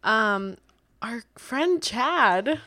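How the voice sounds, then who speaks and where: A woman's voice: a little high, expressive, drawn-out words, bright, forceful tone, no room sound. Casual woman podcaster, close dry sound. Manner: informal, conversational. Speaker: podcast co-host. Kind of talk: casual pop culture chat.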